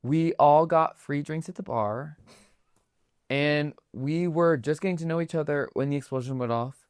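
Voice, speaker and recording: A woman's voice: low voice, moderate pace, darkish tone, clear, resonant tone, dry recording, natural voice. A woman doing a bubbly dragonborn woman. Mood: eager. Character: friendly woman dragonborn newcomer.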